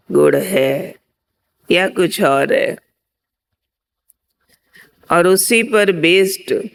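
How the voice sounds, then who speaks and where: A woman spiritual teacher giving a class, explaining deliberately and telling a parable, checking in with her listeners. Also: deep voice. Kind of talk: spiritual discourse with storytelling.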